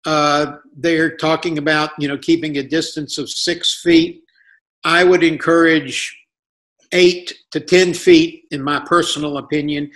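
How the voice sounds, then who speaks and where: A man answering interview questions with health advice over a video call, talking in a hesitant, halting way with many pauses and fillers. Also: a little high, little pitch movement, a bit bright.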